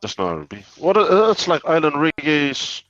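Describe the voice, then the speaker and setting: A man's voice: fairly high pitch, dry recording. Man, from Samoa, musician guest, laid-back, filler-heavy, dull lo-fi audio. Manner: relaxed, drawn-out, heavy fillers and swearing. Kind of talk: casual chat. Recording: dull, dry lo-fi sound.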